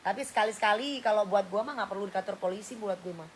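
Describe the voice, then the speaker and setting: A woman's voice: mid-range voice, quick pace, a little hiss or hum, rough recording. A middle-aged woman, a singer on a phone livestream, talking casually and bluntly, scolding and lapsing into coarse slang. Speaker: singer doing an Instagram live.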